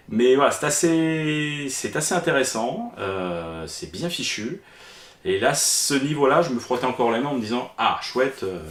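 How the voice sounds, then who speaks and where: A man giving a casual spoken film review, hesitating often with fillers and restarts. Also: fairly low pitch. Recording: echoey room.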